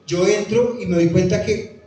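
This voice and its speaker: A man's voice: sits high, normal speed, warm tone. A man with a Tolima Colombian accent giving a conference talk, emphatic and repeating phrases as he answers audience questions. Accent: Tolima Colombian Spanish. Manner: emphatic, repeats phrases, acts out quoted voices. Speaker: lecturer on the Pijao language. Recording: echoey hall, voice from far off.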